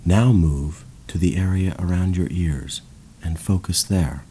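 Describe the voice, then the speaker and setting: A man guiding a slow, calm breathing and body relaxation exercise in a soothing voice. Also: low voice, slight background noise. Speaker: meditation guide. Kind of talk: guided relaxation narration.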